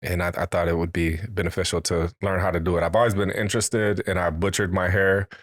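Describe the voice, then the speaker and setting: Deep-voiced joking Midwestern podcast host. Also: male voice, level tone, fast talker, no room sound, studio quality. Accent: Midwestern American. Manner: joking, laid-back. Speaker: podcast co-host, studio owner. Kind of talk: casual podcast chat.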